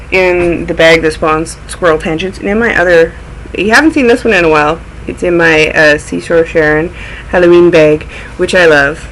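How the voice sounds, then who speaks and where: Bright and forceful, this man's voice sits on the high side; the rough recording carries a little hiss or hum. He's got a cold and sounds snuffly as he hosts a casual knitting video podcast, chatting through projects with a rambling, tangent-filled show-and-tell.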